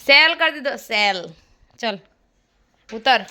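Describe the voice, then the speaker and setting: Brief: woman in her thirties, home vlogger mom, bright, slightly high voice, chatty and teasing. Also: animated, takes it slowly. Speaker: vlogger and mother. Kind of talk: casual home vlog chat.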